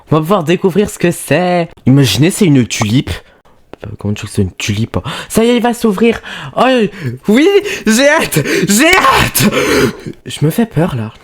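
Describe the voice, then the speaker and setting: A woman streamer giving casual gaming commentary, excitable and prone to loud, squealing outbursts. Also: low voice. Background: faint background music.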